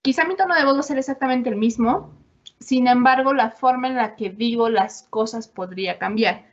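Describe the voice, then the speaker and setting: A woman with a Mexican accent giving a relaxed lecture, talking conversationally and acting out little quoted exchanges. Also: fairly high pitch, moderate pace. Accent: Mexican Spanish. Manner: conversational, acts out quoted voices, frequent tag questions. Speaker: university lecturer. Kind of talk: informal lecture. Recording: dull lo-fi audio.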